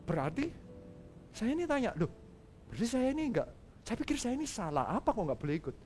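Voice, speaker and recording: A male pastor telling a story in a sermon, lively and casual, acting out quoted lines and dropping in English phrases. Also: very high voice, fast talker, faint music behind.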